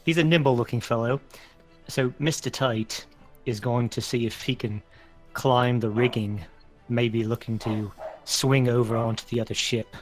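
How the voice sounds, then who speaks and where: Polite, measured man as a game player. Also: mid-range voice, fairly even intonation, soft background music. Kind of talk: casual tabletop game talk.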